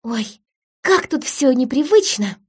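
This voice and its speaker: A woman's voice: very animated, slow, darkish tone, breathy edge, heavily acted. Woman doing a chattering young maid. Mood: eager. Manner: chattering, eager and higher pitched. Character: young woman, talkative eager housemaid.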